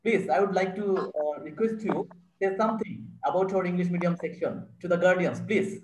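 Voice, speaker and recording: A man's voice: high voice, reverberant, noisy background. A man from Bangladesh, a section head, moderating a school parents' meeting, courteous and thanking people often. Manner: slow, courteous, repeated thanks.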